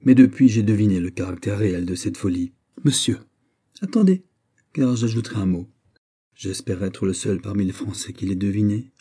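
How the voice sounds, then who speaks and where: A man reading aloud, voicing a calm, cold and proud young French nobleman in an audiobook. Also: on the low side, moderate pace, husky.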